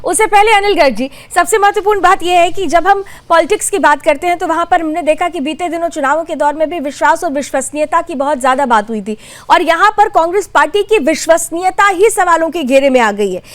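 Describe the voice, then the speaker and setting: Woman news anchor, very high voice, firm and brisk in moderating panelists. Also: expressive. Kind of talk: moderating a TV debate.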